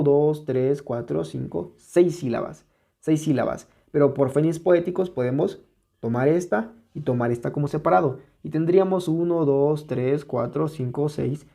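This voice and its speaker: A man with a Mexican Spanish accent teaching an exam-prep lesson, patiently explaining step by step and sounding words out slowly. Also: on the high side, mellow.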